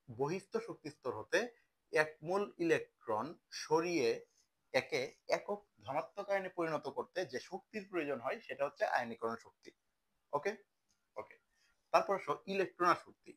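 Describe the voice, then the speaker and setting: In a casual chemistry lesson, a young man poses questions and answers them himself in a conversational way. His voice sits fairly high, with a fairly bright tone.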